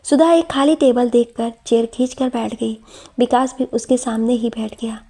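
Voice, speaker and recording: A woman telling an emotional story in a steady manner. Her voice is husky and mellow, pitched fairly high. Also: normal speed. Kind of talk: storybook narration.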